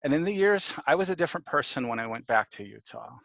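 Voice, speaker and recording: A man's voice: medium pitch, animated, fast talker, creaky, a bit bright, no echo. Reflective man telling a personal story.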